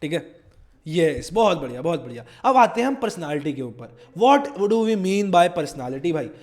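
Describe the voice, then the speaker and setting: A young man with an Indian accent teaching a psychology class online, energetic and fast-talking, often quizzing his students. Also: a little high. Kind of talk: online class lecture in Hinglish.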